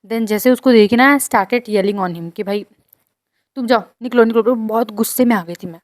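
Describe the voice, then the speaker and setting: A woman telling a personal story in a casual, dramatic way. She sounds indignant and adds lively asides to her listeners. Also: mid-range voice, normal speed, no echo.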